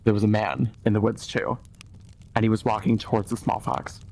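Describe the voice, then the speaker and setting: A man's voice: on the low side, little pitch movement, brisk, gravelly, darkish tone, slight background noise, low-quality recording. A man hosting a comedy show, telling a silly story in a goofy, mock-dramatic way. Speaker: host. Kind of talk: joking storytelling.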